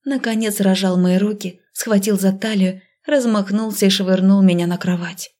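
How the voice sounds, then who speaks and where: Woman reading a story out loud, first person, lively. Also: medium pitch, normal speed. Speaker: audiobook narrator. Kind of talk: first-person audiobook narration.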